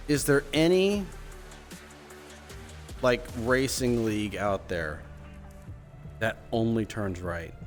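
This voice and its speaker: A man's voice: fairly low pitch, slow pace, long pauses. A man streaming, chatting casually to himself and thinking aloud. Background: faint music.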